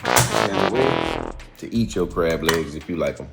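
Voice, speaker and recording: A man's voice: sits low, big pitch swings, unhurried, gravelly, over loud music. An American man hosting a casual how-to vlog, chatting in a folksy, colloquial way. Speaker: video host.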